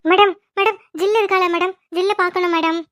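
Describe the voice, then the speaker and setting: A woman doing a frantic mother in a cartoon. She wails and pleads in panic. Her voice is very high and sounds close and dry. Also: fairly even intonation, fast, a bit bright, dry recording. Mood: anxious. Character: frantic anxious mother, later a scheming grandmother. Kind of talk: cartoon voice acting.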